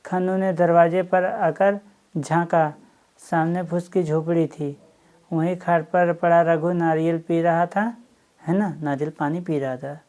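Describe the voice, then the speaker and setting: A woman's voice: lowish voice, steady tone, unhurried, warm tone. A woman reading a story aloud and explaining it as she goes, adding asides for her listeners.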